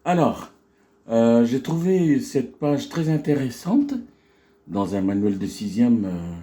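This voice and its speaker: A male teacher walks through a phonetics lesson at an unhurried pace, often pausing and restarting his sentences. His voice is relaxed and dark-toned, and he slowly draws out each example word so it can be copied. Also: mid-range voice. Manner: slow, halting explanation with many fillers and restarts; stretches out English words to model pronunciation. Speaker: English teacher.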